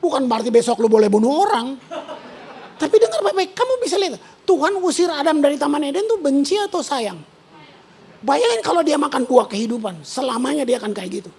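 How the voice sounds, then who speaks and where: A woman pastor, preaching a sermon in an animated, slangy way with English words mixed in. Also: sits high, a little fast, a little hiss or hum.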